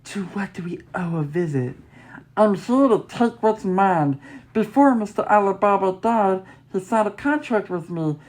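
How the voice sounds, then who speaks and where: A woman's voice: medium pitch, expressive, unhurried, a little mellow. A woman voicing a smug, imperious male businessman suitor in a story game, taunting and possessive.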